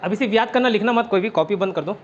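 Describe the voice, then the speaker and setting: High voiced chhattisgarh hindi guy teaching exam prep, chatty, lots of memory tricks, kinda dull lo-fi sound. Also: racing, a little hiss or hum. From India. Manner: chatty, repeats "theek hai", quizzes students with mnemonics. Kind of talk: online exam-prep lesson.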